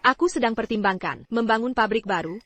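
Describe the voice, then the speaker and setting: A woman's voice: a little high, expressive, fairly quick. A woman playing a confident, enterprising businesswoman in a dubbed drama. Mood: composed, businesslike. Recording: background music.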